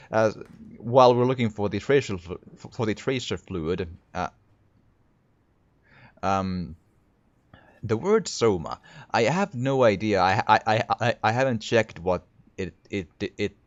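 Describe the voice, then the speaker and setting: A Finnish gaming video creator narrates his horror game let's play, thinking aloud and often restarting with a stammer. His voice sits on the low side, and the highs are cut off in the recording.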